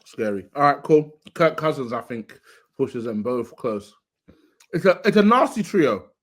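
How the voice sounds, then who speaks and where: A man's voice: medium pitch, animated, unhurried. A young man hosting a football podcast, casually reading out listener questions and joking with his co-hosts. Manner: laid-back, reads out questions then jokes around. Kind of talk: casual chat.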